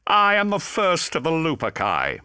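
A gloating daemon with a raised, forceful voice that swings wide as he taunts, as a male narrator puts him on. The voice is bright and hard, mocking every word. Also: a little high, huge pitch swings, normal speed, clean tone, dry recording, clean studio sound, voice pushed up, exaggerated voice. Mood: boastful. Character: gloating male daemon wearing a warrior's face.

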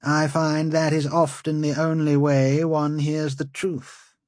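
A man's voice: fairly high pitch, level tone, slow pace, darkish tone, no room sound, clean studio sound, pitched above the performer's own voice. A man voicing a haughty noble lord who rides nude and hunts in the swamps, pompous and mocking.

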